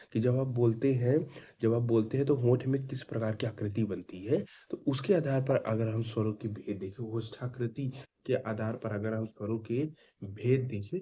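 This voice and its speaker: A man's voice: mid-range voice, mellow, a little hiss or hum. A man teaching a grammar lesson, who sounds out vowels aloud and asks and answers his own questions.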